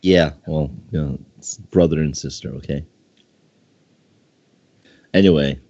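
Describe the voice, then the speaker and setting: A bass-voiced man, mellow and unhurried with fairly flat intonation, gives a casual, amateur reading of fan fiction, stumbling now and then and commenting along the way. The recording is dull and roomy, made with a home mic.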